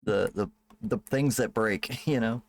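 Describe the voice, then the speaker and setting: A man's voice: fairly low pitch, measured pace, gravelly. Laid-back, cussing game master man. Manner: loose, swearing, laughing asides. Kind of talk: casual tabletop game narration.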